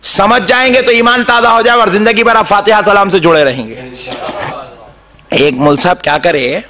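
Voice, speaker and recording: A male preacher delivers a lively story-driven sermon to a gathered congregation. His voice sits high and rings bright and forceful. He quizzes the crowd, acts out both sides of a dialogue and slips into melodic Quranic chanting. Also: normal speed. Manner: animated, asks the crowd questions and acts out dialogue. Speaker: Islamic preacher.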